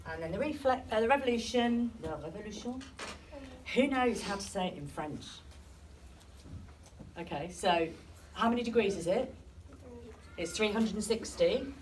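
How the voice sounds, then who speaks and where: A woman's voice: mid-range voice, lively intonation, moderate pace, pauses often, a little mellow. A woman teacher leading a classroom lesson, asking students questions and encouraging their answers. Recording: distant classroom recording with noise.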